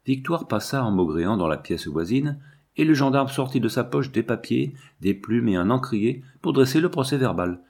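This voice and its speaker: A man narrating a classic children's story in a measured reading voice. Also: medium pitch, lively intonation, vocal fry, a little mellow, breathy edge. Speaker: audiobook reader.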